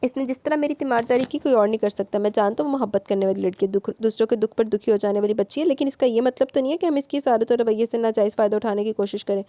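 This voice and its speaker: A woman voicing a gravely ill young man who pleads in an earnest, measured way in an audio novel. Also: a little high, dark tone, no echo, natural voice.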